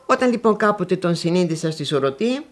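An older woman from the Konitsa area giving a testimony, recounting memories and acting out the conversations she had. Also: on the low side. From Konitsa, northwestern Greece. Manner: lively storyteller who acts out both sides of remembered conversations.

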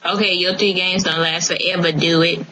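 A woman's voice: lowish voice, flat delivery, a little fast. A woman chatting casually on a phone call, sassy and insistent as she argues. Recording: phone call with faint background noise.

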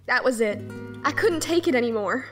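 A woman plays a young girl narrating her own story in a high, youthful voice. She sounds choked up, as if fighting back tears. It is an audio drama performance. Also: lively intonation, normal speed, soft background music, lightly acted. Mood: tearful. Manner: emotional, close to tears. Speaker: lead character and first-person narrator.

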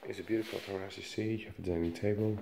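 A man with a very low voice and a gravelly rasp leads a relaxed walkthrough of a furnished apartment, naming each feature as he goes. The handheld recording picks up plenty of steady background noise. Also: very fast. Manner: relaxed, pointing out features one by one. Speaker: property tour guide. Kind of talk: casual walkthrough tour.

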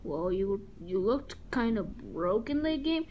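A woman's voice: medium pitch, sing-song, measured pace, muffled recording. A woman voicing a sheepish young male hero in a homemade toy movie, hesitant and full of fillers.

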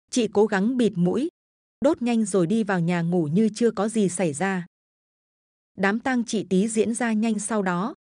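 Brief: female storyteller, steady ghost-story narration, warm low tone. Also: no echo, studio quality.

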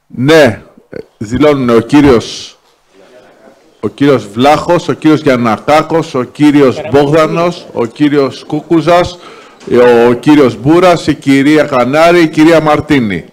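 A man presiding over a city council session, announcing votes and agenda items in a formal, procedural way and repeatedly calling the room to order. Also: medium pitch. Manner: procedural, repeatedly calls for quiet. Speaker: council president chairing the meeting. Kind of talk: formal meeting chairing. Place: council chamber.

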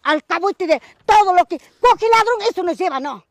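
A very high-pitched woman, her Quechua. She argues defiantly and pleads in broken Spanish, in a heated confrontation. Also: expressive, normal speed, slight background noise. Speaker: rural working woman arguing with police.

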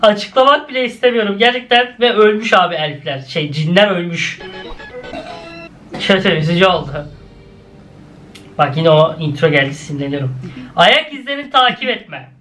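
Young male reactor, very high, sharp voice; excitable, jumpy commentary. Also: moderate pace, pauses often, faint music behind. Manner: exclaiming, laughing, swings between high and low. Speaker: YouTuber reacting to cartoons.

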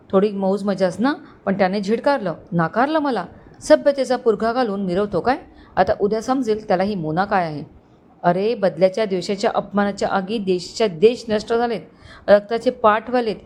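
A woman's voice: on the high side, darkish tone, close to an everyday voice. A woman narrator voicing a vengeful, scheming young woman who speaks in a bitter, spiteful way.

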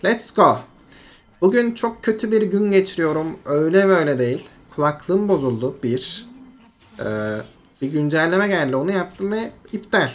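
A game streamer giving casual, excitable commentary over their own match, swinging between frustration and hype and talking themselves back to calm. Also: medium pitch, normal speed. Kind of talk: live gameplay commentary.

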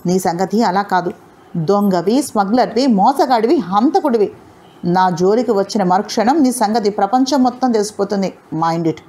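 A woman voicing a proud, defiant young heroine in an audio novel. She speaks in heated, scolding lines that climb in pitch. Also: lively intonation, normal speed, warm tone, lightly acted. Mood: scornful. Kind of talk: audio novel character reading.

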